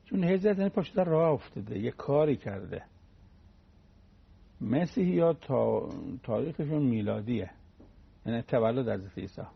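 Man with a gravelly husky voice doing a folksy religious radio talk, all anecdotes and examples, dull lo-fi sound. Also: mid-range voice, animated, long pauses. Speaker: cleric giving a religious talk.

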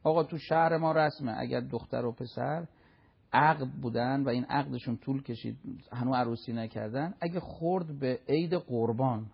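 A man's voice: medium pitch, vocal fry, slightly rough, highs cut off. A man giving religious advice on a talk show, speaking fervently and scolding, sometimes acting out other people.

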